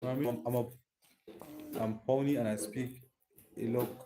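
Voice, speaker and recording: A Nigerian-accented man on a live stream chats informally and slangily with his viewers from an echoey indoor room. His medium-pitched voice is steady and unhurried, with music in the background.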